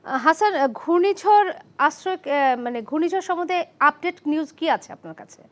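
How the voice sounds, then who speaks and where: Female news anchor, Bangladeshi accent, high voice, live handovers and questions to field reporters. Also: expressive, moderate pace.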